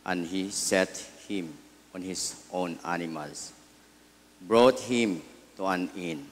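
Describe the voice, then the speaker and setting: A man, a priest at Mass, solemnly reading scripture in deliberate short phrases in a large church. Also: deep voice, a little hiss or hum. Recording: echoey hall with long reverb.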